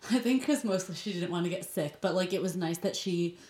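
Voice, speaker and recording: A young woman co-hosting a casual podcast chat, playful and quick to laugh. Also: fairly low pitch, mellow, echoey room. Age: young adult. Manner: giggly, playful. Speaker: podcast co-host.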